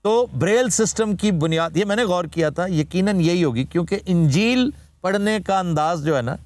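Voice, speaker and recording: A man hosts a studio talk show and explains word origins like a teacher. His voice sits high and swings widely in pitch. The sound is dry and close. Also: animated, normal speed, darkish tone, no echo. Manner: explanatory, lecturing, formal Urdu vocabulary. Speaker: host.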